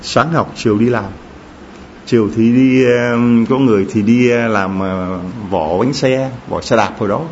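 A middle-aged man delivers a lively sermon in church at a moderate pace, telling stories and putting questions directly to the congregation. His pitch is mid-range for a man. The recording sounds dull and lo-fi, with a faint room hum behind him.

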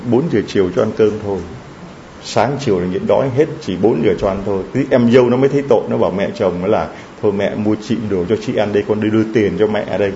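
A man's voice: fairly low pitch, dark tone, a little hiss or hum. A man preaching, retelling a story with strong emotion and stammered repeats. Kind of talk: moral storytelling in a sermon. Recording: dull lo-fi recording.

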